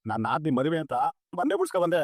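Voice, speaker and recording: Quick-talking, evasive owner, animated and a bit high. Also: male voice, no echo, clean studio sound. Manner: teasing, evasive. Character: stingy, evasive business owner. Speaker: owner of a taxi business. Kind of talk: TV serial acting.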